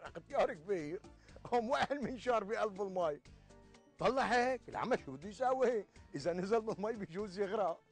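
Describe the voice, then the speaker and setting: Older Syrian man, sixties, patient village storyteller in a TV sketch, spinning an Arabic folk tale at a fast clip. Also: high-pitched. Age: 60s. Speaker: actor in a TV sketch. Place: outdoors in a leafy garden.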